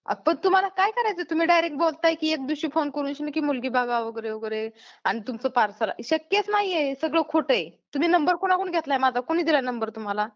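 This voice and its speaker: A Maharashtrian-accented woman, a YouTuber getting a prank call, speaks in a high-pitched voice with lively intonation and a quick pace. She's blunt and full of questions, and the phone call recording is dull and lo-fi.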